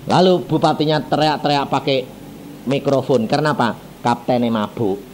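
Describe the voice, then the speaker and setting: A man preaching a sermon as an evangelist, telling stories in an animated way, acting out the voices of the people in them and putting questions to the congregation. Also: medium pitch, normal speed, slight background noise. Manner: animated storytelling, acts out quoted voices, asks the congregation questions.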